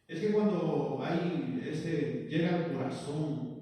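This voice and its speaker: A man preaching to his congregation in a church, with a mellow, dark tone. He reads scripture slowly and keeps asking the people questions. His voice carries from a distance through a long, echoing hall with faint room noise behind. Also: a little high. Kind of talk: sermon. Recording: echoey church hall, mic far off.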